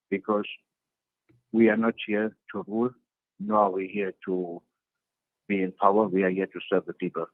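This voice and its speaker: A man's voice: deep voice, gravelly, dry recording. A man, a party councillor, answering interview questions earnestly over a video call and repeating his points for emphasis. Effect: heard over a video call. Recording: tinny, dry video-call line.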